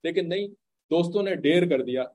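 A man tells a religious story in an easy, conversational way, pausing often to check that his listeners are following and slipping in English words. His voice sits somewhat high for a man. The recording is dry and close, with no room echo. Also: a little mellow.

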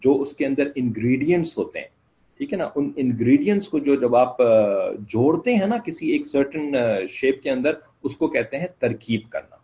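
A man teaching an online class, explaining slowly and checking in with his students again and again. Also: medium pitch, lively intonation, warm tone, lo-fi sound. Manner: slow explanatory, keeps asking "ٹھیک ہے نا".

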